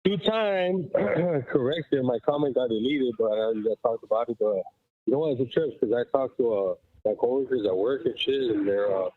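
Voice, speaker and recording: A man calls into a show on his phone while power walking, his mid-range voice a little fast. He rambles emphatically with plenty of fillers in casual call-in chat. The dry, tinny phone line makes him sound muffled, as if through a wall.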